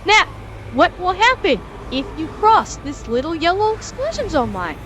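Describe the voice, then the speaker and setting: A woman's voice: very high voice, sing-song, moderate pace, noisy background. A woman giving a live gaming tutorial as an instructor, emphatically repeating key points and answering viewers as she goes. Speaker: instructor and host of a gaming lesson.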